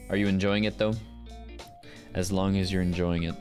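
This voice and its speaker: Over gentle plucked guitar, a voice actor who livestreams chats with his viewers in a relaxed, playful, musing way. His voice sits low, his delivery is flat, and his pace is moderate.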